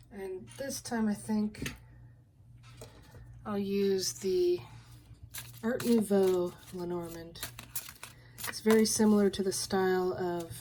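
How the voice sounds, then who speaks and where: A woman lays out and explains cards at an unhurried pace, her voice gentle and patient. Her pitch sits in an ordinary middle range. A faint hum of room noise runs under the recording. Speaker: card reader. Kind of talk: relaxed card-reading video.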